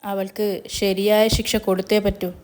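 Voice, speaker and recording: A cruel, vengeful kidnapper, as a woman puts him on in a retold soap-drama story. He speaks slowly and with menace, in a flat, level delivery that barely rises or falls. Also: close to an everyday voice. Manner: threatening, slow and low.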